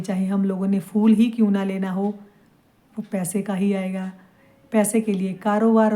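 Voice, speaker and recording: A middle-aged woman from Punjab speaks in a soft, confiding way, addressing her deity idol as if chatting with a close friend. Her voice is mellow and warm, sitting at an ordinary pitch. The tone is casual and devotional. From Punjab, India. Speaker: devotional vlogger.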